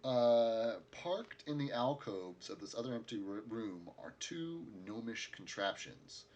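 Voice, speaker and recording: A man narrating a tabletop game as game master, casual and halting as he improvises. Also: medium pitch, big pitch swings, darkish tone, slight background noise.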